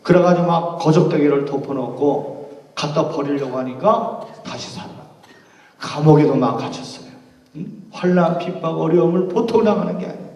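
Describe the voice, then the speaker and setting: A man with a slightly high voice preaches with emphatic, dramatic storytelling. The sound is roomy and reverberant, picked up from some distance in a large hall. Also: moderate pace, a little mellow. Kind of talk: storytelling sermon. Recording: echoey hall, distant mic.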